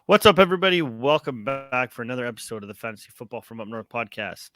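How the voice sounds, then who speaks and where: A man's voice: mid-range voice, animated, fast, music in the background. A young man hosting a casual sports podcast, upbeat and rambling with plenty of fillers. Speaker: podcast host.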